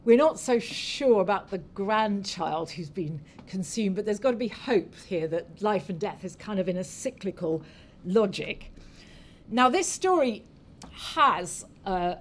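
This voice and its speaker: A woman speaker retells a folk tale as part of a talk, in a mid-pitched voice. She goes slowly, pausing and restarting her phrases as she goes. Faint noise sits behind her. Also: animated. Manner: unhurried, halting storytelling with restarts. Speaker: anthropology speaker.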